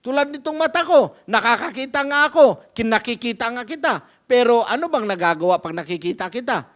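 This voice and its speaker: A man's voice: extremely high pitch, expressive, a little fast, fairly bright tone. A man voicing a bitter, complaining grown man who is angry at his life and grumbles through a storytold sermon.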